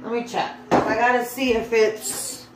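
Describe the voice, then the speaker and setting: A home cook vlogger from the Bronx, New York, chats informally to viewers while giving an unscripted cooking demonstration in her kitchen. Her voice is a little high and slightly slow, with little pitch movement, recorded in an echoey room with clear background noise.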